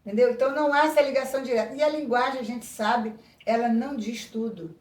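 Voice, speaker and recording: A woman's voice: a little high, fast, a little mellow. A woman psychoanalyst explaining ideas in an interview, thoughtful and full of asides. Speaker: psychoanalyst guest. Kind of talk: reflective interview talk. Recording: echoey room, voice a bit far from mic.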